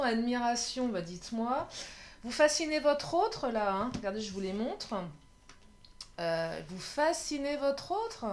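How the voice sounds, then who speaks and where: A woman's voice: sits high, slight background noise. A woman doing a casual love tarot reading, chatty and often laughing, sometimes tripping over her words. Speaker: tarot card reader.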